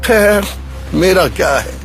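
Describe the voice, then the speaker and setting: An actor playing a scheming, lame brother-in-law who talks with sly, mock sympathy in an audio drama. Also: male voice, high-pitched, expressive, takes it slowly, creaky, heavily acted. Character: scheming crippled middle-aged brother-in-law. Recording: music bed underneath.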